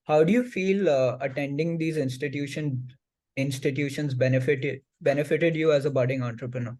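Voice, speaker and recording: A man's voice: medium pitch, moderate pace, darkish tone. Formal male interviewer reading questions.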